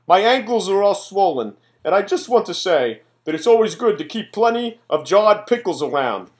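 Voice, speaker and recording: An older man giving comic narration over videos in a grumpy, folksy, complaining way with dry exaggeration. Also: high-pitched. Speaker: comic commentator. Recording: music behind the voice.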